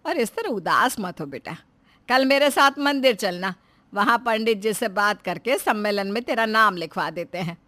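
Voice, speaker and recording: A woman voicing a caring middle-aged mother who fusses over her son in an animated moral story, speaking with an affectionate, motherly warmth. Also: mid-range voice, moderate pace, no room sound. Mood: reassuring. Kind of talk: cartoon voice acting.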